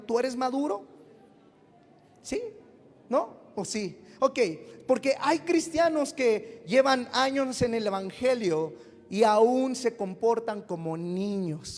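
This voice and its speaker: High-voiced preacher echoing through a church hall. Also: male voice, darkish tone. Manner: call-and-response, has the church repeat phrases; acts out quoted whiny church members. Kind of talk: sermon to a congregation. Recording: long reverb of a church hall.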